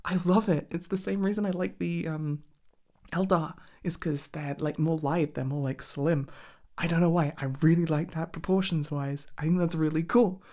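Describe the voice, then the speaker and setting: She speaks in a low, warm voice at normal speed with a steady tone, rambling through an ASMR chat. As a hobby creator she's enthusiastic and sweary, her delivery uncertain and meandering.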